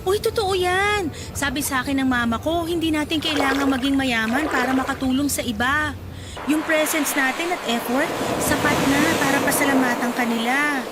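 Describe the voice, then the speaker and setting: In a radio drama, an actress plays a chatty young woman volunteering at a charity event, friendly and encouraging, lively and lightly teasing, laughing often. Her high-pitched voice moves at a moderate pace, the acting is light, and loud background music creates heavy noise.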